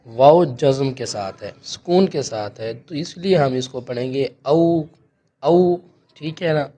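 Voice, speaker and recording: A man's voice: medium pitch, lively intonation, mellow. A man teaching Quran recitation, explaining each letter and rule patiently and checking in with his students. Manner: slow drawn-out chanted recitation of verses.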